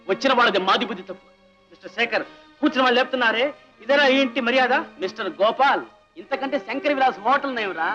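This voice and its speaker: A sarcastic, slighted friend. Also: male voice, extremely high pitch, quick pace, over music. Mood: offended. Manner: sarcastic, offended. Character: sarcastic insulted young friend. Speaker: friend of the son-in-law. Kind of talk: film melodrama acting. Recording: dull old film soundtrack.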